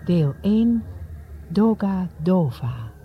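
Slow, deliberate audiobook announcer. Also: mid-range voice, very animated, faint music behind. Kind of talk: scripted introduction. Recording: dull lo-fi with faint noise.

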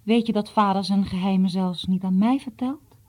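A woman's voice: medium pitch, normal speed, darkish tone, close to an everyday voice. A woman doing a grieving, reproachful mother. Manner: reproachful, tearful.

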